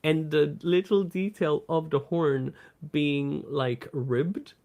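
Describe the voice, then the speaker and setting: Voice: medium pitch, fairly even intonation. A co-host and convention artist, gushing fondly and telling stories in casual podcast chat. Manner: slow, warm-hearted, gushing storyteller.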